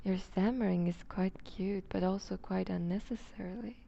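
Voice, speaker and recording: A woman playing a seductive, predatory vampire duchess in an intimate ASMR roleplay, refined, teasing and condescending, with a breathy voice that slips toward a whisper. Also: medium pitch, fairly even intonation, warm tone, lo-fi sound, slight background noise, lightly acted. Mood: hungry, menacing. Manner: refined, teasing, condescending, deliberate formal diction.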